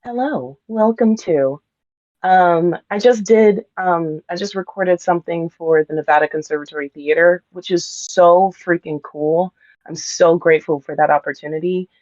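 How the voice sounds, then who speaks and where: A woman's voice: fairly low pitch, fairly even intonation, moderate pace, darkish tone, no room sound, muffled recording. A woman voice actress being interviewed, chatting casually, sounding nervous and giggly with lots of fillers. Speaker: voice actress guest.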